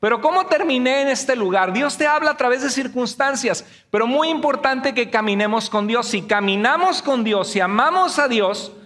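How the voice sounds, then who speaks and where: Pastor, male, high bright voice, lively sermon delivery with jokes, long hall reverb. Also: moderate pace, hardly any pauses. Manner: animated preaching with jokes and acted quotes. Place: church sanctuary.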